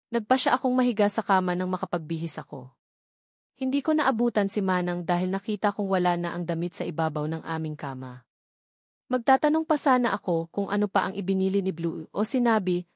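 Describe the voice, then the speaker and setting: An audiobook narrator with a Filipino accent reads a first-person novel aloud as scripted narration. Her voice is medium-pitched with a darkish tone, captured with clean studio sound and no echo.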